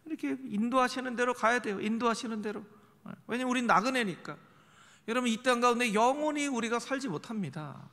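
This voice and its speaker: A man's voice: high voice, bright, forceful tone. A male pastor preaching a sermon in a church sanctuary, earnestly addressing the congregation directly. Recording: reverberant church hall.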